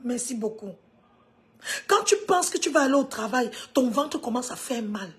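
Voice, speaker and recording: A Cameroonian woman in her fifties gives an earnest motivational talk on a live stream in a Cameroonian French accent. Her voice is a little high and animated, her pace moderate, and she swings from hushed to emphatic.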